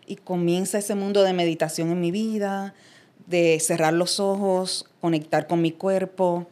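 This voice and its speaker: A middle-aged woman from Cuba, a transpersonal coach and guest, talking in a casual interview and telling her story with lively asides and laughter. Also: fairly low pitch. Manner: animated storytelling, acts out quoted voices, laughs often.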